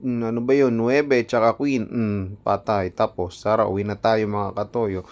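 A man's voice: fairly low pitch, little pitch movement, moderate pace, darkish tone. A man vlogging casually at an outdoor night carnival, joking about himself and laughing often, recorded on a phone camera. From Philippines. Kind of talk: casual vlog narration.

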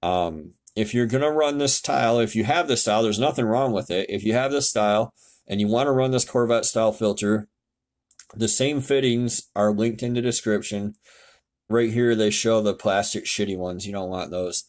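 Man, low voice, casual how-to voice-over, blunt, self-correcting. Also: normal speed, a little mellow. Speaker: car tech YouTuber explaining fuel systems. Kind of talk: casual screen-share tutorial voice-over. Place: home, indoors.

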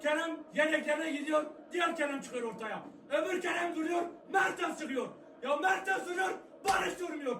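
A man reacting to a football match on TV, cursing and yelling at the players in exasperated rants. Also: very high voice, moderate pace, hardly any pauses, roomy sound, recorded from a distance. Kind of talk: shouted live match reaction. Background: TV match broadcast with crowd noise.

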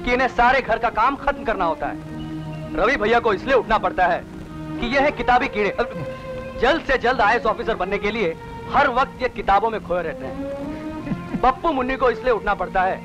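A man's voice: extremely high pitch, animated, normal speed, over music. An actor playing a cheeky, defiant unemployed young man in a dubbed film, swinging from angry speeches to teasing banter. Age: young adult. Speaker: lead in a dubbed action film. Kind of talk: Hindi film dub acting.

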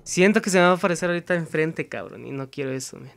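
A man's voice: fairly high pitch, expressive, very fast, vocal fry. A young man with a Mexican accent commenting on a horror game, swearing constantly and talking to himself. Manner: profane, talks to himself, bursts into frightened yelling. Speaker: gameplay commentator.

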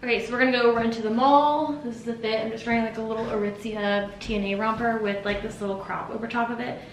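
A young woman with a fairly high voice talks fast with fairly even intonation, faint music playing behind her. She's a lifestyle vlogger recording her day at home, tossing out short, casual, thinking-aloud phrases in her apartment kitchen and rooms. Her camera mic sits a few feet away, making the recording noisy, roomy, and distant.

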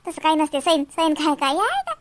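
A woman playing a very high-voiced long-suffering aunt. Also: very animated, a little fast, no echo. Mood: pleading. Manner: pleading, preachy about endurance. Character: middle-aged long-suffering aunt, a patient wife. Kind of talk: comedy skit acting.

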